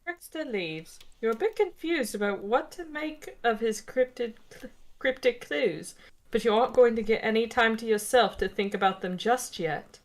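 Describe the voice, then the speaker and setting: A woman's voice: on the high side, animated, moderate pace. Jokey woman narrating a dating game. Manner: jokey, laughs while reading. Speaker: co-host reading game text aloud. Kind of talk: casual let's-play narration.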